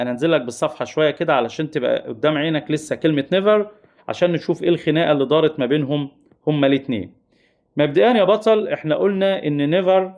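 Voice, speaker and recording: A man teaching English grammar to exam students in an Egyptian Arabic accent, with a fairly high voice. He talks to them fondly and repeats every key point. He slows down to stress the important words. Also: a little mellow. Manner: repetitive, addresses students as heroes and dears. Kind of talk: exam-prep grammar lesson.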